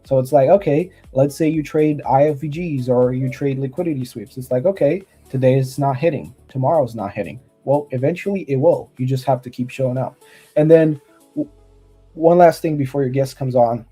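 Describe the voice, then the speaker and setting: A man's voice: medium pitch, fairly quick, dark tone, slightly rough, soft background music. A man from Romania, a guest trader, gives earnest motivational advice in casual chat over a video call, often restarting his sentences.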